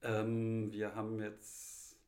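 Man from Munich, interview guest, hesitant, lots of fillers, low gravelly voice, echoey room. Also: monotone, darkish tone. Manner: hesitant, many ums and pauses. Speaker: guest, assistant director. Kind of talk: casual interview answers. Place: host's living room.

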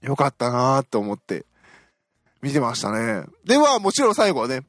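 Lively, chatty man reviewing a film. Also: medium pitch, moderate pace, dry recording, clean studio sound, faint music behind. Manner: chatty, hesitant with frequent fillers, self-deprecating fan humor. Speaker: podcast host. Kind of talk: casual film review monologue.

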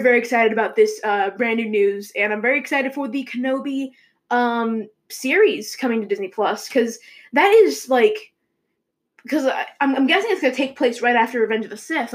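A young woman with a somewhat high voice talks through movie news like a show host. She rambles along in a loose, casual way, full of fillers and restarts.

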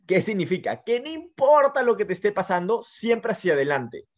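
A man gives a motivational business talk in an earnest, conversational way, often restarting his sentences. His voice sits a little high for a man. The recording is muffled and lo-fi. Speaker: motivational speaker. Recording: muffled lo-fi sound.

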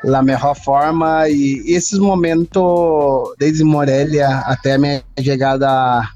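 A Brazilian man, a native Portuguese speaker, casually reminisces as an interview guest, mixing Portuguese and Spanish. His voice is a little high, steady and somewhat dark, and he speaks slowly. The audio is dull and lo-fi with music in the background.

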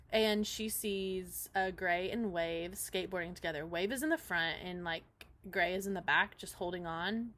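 A woman's voice: mid-range voice, a bit bright. Chatty, upbeat woman podcast host. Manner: chatty and upbeat, many fillers like "um" and "like". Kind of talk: casual improvised storytelling chat.

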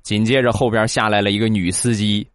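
A man telling short comic anecdotes in a lively storytelling manner, slipping into acted voices. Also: on the low side, a little fast, no echo, studio quality. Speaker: comic joke teller.

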